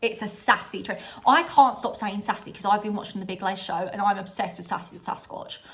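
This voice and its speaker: A woman's voice: medium pitch, a little fast, fairly bright tone. A young woman vlogging a holiday decor haul at home, bubbly and chatty, often laughing at herself. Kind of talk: casual home haul vlog. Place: at home, in front of a styled background.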